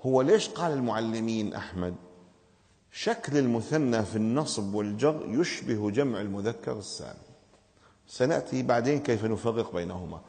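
A man's voice: lowish voice, lively intonation, fairly quick, a little mellow, big-room sound. A man teaching grammar to a class, asking the students questions and explaining each step insistently.

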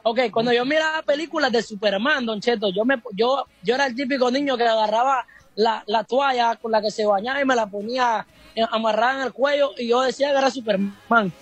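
A man's voice: extremely high pitch, a little fast, a bit bright. A young man from Honduras, a rapper answering interview questions in an earnest, polite way. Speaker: guest rapper.

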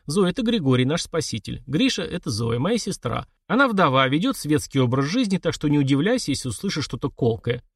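A man's voice: a little high, very animated, brisk, few pauses, breathy edge, no echo, studio quality, heavily acted. A man playing a dryly ironic retired officer, a prince, in an audiobook.

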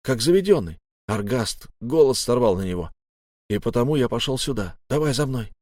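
A man voicing a frightened young male sailor who speaks in anxious, hushed bursts. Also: mid-range voice, expressive, moderate pace, no room sound, clean studio sound, natural voice. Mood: scared.

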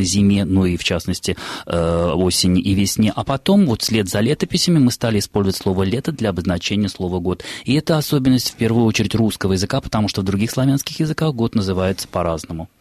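Fast-talking, low-voiced male radio expert. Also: no room sound. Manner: fast, measured, many hesitations. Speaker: radio co-host, language expert. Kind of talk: explanatory radio talk. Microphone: studio microphone.

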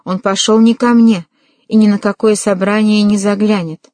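A woman's voice: mid-range voice, steady tone, moderate pace, a little mellow, no echo, natural voice. A woman voicing a proud young woman who turns hysterical and tearful, in an audiobook reading. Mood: bitter. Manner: stiff and prim, then hysterical and tearful.

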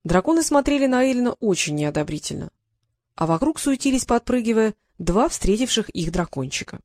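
A narrator reading a fantasy storybook aloud in an even, steady manner. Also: medium pitch, fairly quick, no echo, studio quality. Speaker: audiobook narrator.

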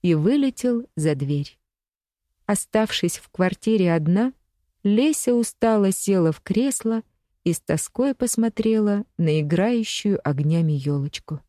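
A woman narrating an audiobook story in a measured, even storytelling manner. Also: medium pitch, no room sound, clean studio sound.

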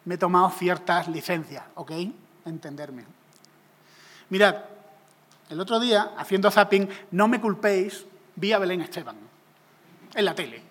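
A man preaching a humorous sermon, jokey and animated, acting out little scenes. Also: high voice, moderate pace, long pauses, long reverb tail.

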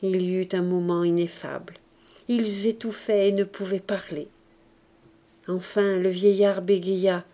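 Woman reading an old novel out loud, slow and measured, mellow voice. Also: medium pitch, little pitch movement. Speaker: audiobook reader. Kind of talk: classic novel narration.

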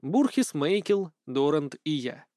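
A man's voice: fairly high pitch, sing-song, takes it slowly, a little mellow, no room sound. Man reading a fantasy audiobook. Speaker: audiobook narrator. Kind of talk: scripted fantasy narration. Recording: dry close studio mic.

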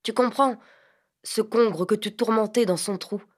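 Female reader voicing a worried teenage boy, soft and pleading, storybook reading. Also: medium pitch, a little slow, husky. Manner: pleading, tender. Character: teenage boy, anxious and lovesick.

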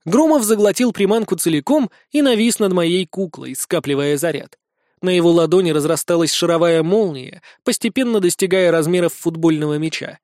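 Man, audiobook narrator, high voice, dry close sound, wry sardonic asides. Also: fairly quick, a little mellow, no room sound. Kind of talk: scripted first-person fantasy narration.

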